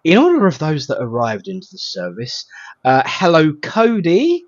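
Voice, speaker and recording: A man's voice: fairly high pitch, huge pitch swings, moderate pace, dry recording, highs cut off. A man with a southern English Estuary accent, hosting an online service in an informal, colloquial, jokey way as he welcomes people. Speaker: host of an online spiritual service. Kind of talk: informal welcoming of guests and viewers.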